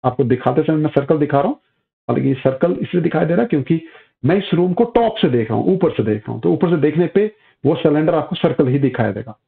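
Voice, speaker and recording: A man's voice: fairly high pitch, expressive, quick pace, vocal fry. A male physics teacher giving a classroom lecture, explaining step by step, asking questions and answering them himself, calling students "beta". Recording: tinny phone-like audio.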